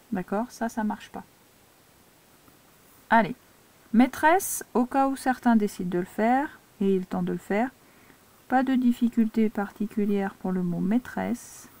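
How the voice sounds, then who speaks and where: Une institutrice française qui explique l'écriture cursive à de jeunes élèves, pas à pas et avec patience. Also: female voice, medium pitch, warm tone, no room sound. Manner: slow, patient step-by-step instruction. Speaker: primary school teacher. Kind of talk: handwriting lesson for young children.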